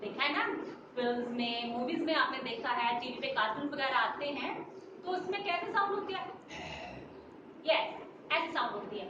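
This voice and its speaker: A woman's voice: high voice, fairly quick. A woman, teaching a nursery class in a sing-song way, mixing Hindi and English and asking the children questions. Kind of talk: children's lesson. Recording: roomy, distant, dull, noisy.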